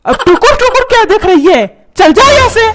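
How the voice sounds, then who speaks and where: A woman's voice: very high voice, big pitch swings, normal speed. A woman voicing a hot-tempered, stingy cartoon father who scolds and barks orders. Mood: scolding. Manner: scolding, bossy, shouting orders.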